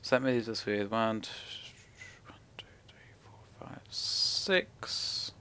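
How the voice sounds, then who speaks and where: A man's voice: on the low side, expressive, slow pace, bright, forceful tone, clean tone, in a whisper. A young man with a broad New Zealand accent, thinking aloud casually as he commentates on his gameplay, laid-back and slangy with mumbled asides. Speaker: gaming video creator. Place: indoor room at home.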